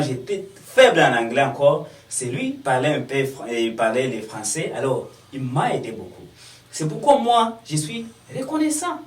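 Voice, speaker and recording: A man hosting a casual talk, affirming his guest and dropping in English fillers. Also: medium pitch. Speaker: host. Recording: echoey room, far from mic.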